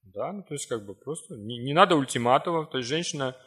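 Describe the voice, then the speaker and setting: A man's voice: medium pitch, animated, fast, fairly bright tone, slightly rough. A man in his forties giving a live seminar talk, answering notes from the audience in a teasing, ironic, conversational way. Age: 40s.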